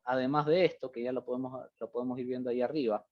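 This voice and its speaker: A man's voice: medium pitch, steady tone, quick pace. A man teaching a programming class, thinking aloud as he types code and checking in with students often. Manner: thinks aloud while typing, many fillers like "fíjense" and "bien". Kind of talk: live-coding class explanation. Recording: dull lo-fi audio.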